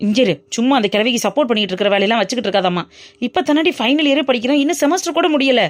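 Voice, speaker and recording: A woman's voice: fairly high pitch, expressive, very fast, faint music behind, natural voice. A woman voicing a brash, cheeky young female best friend in a cartoon, teasing and bantering. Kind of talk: cartoon voice acting.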